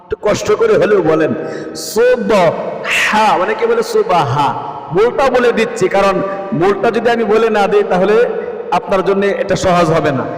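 Man, high pitch, earnest prayer teacher, long hall reverb. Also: a little fast. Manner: earnest, coaxing, repeats phrases word by word. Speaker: religious teacher. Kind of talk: prayer recitation lesson. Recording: roomy echo with long reverb.

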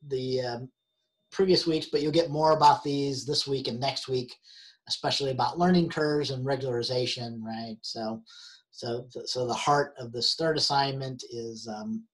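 A man instructor talks through an online help session at a middle pitch. He stumbles and restarts often, filling gaps with ums. His voice is wearing out. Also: fairly even intonation. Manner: halting, many fillers and restarts. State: losing his voice. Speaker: university instructor.

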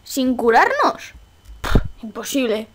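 Give me an excitable woman from Spain with a Spanish accent, commentating a video game with a high voice. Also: slow. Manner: excitable, exclamatory, swears casually. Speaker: gaming YouTuber. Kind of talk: Let's Play commentary.

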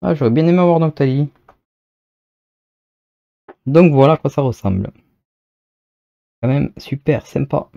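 A man hosting a casual unboxing video, chatting and thinking aloud as he goes, slowing down to read out product text. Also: fairly high pitch, vocal fry, mellow, muffled recording.

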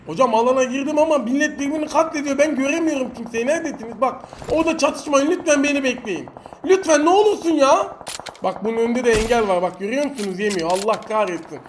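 A man commentating his own mobile battle royale match in Turkish-accented speech, excitable and taunting the opponents he fights. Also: very high-pitched, fast, slight background noise. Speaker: mobile game streamer. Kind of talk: live gameplay commentary.

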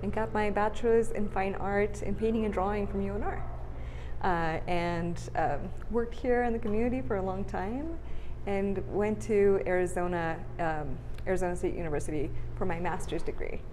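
A woman's voice: mid-range voice, normal speed, darkish tone. Thoughtful woman artist in a reverberant gallery. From Bulgaria. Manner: thoughtful, reflective, with frequent fillers. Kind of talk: gallery interview. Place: large art gallery indoors. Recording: reverberant gallery, faint hum.

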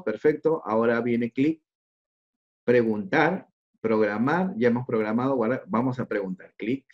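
A man's voice: medium pitch, darkish tone. Male trainer for a live online session. Mid-range voice that keeps checking in with attendees, dull lo-fi audio. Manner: walks through clicks aloud, checks in with attendees often. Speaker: teacher trainer.

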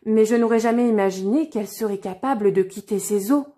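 A woman's voice: medium pitch, fairly quick, mellow, natural voice. A woman voicing a spoiled, haughty young princess in a fairy-tale reading, lifting her voice for emphasis. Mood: frightened. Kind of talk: storybook reading.

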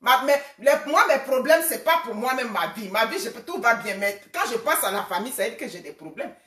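Speaking briskly with big pitch swings, this social media personality in her forties has a slightly high, sharp voice picked up by a distant mic in an echoey room. She talks casually to another woman she's at odds with, quoting their past conversations and urging them to make peace.

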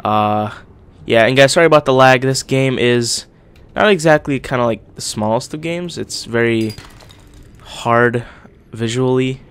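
A man's voice: mid-range voice, a little slow, fairly bright tone, clean tone. A young man doing casual let's-play commentary, slightly congested from being sick, talking with a swollen lip. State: getting over being sick. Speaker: gaming YouTuber, host.

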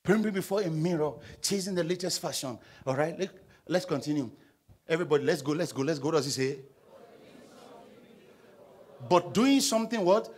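A young Nigerian pastor preaching from a church stage, his fairly high voice leaping up and down as he calls out to the congregation. The tone is a bit husky, and he swings between loud stressed lines and quiet asides while pacing with a handheld mic. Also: lively intonation, normal speed, pauses often. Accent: Nigerian English. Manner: call-and-response preaching, prompting the congregation to read aloud. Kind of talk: sermon. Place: large church auditorium stage.

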